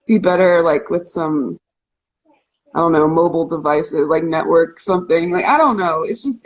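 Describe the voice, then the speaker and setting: A woman co-hosting a casual live chat, talking quickly and loosely, laughing often and restarting her sentences. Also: on the low side, highs cut off. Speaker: co-host.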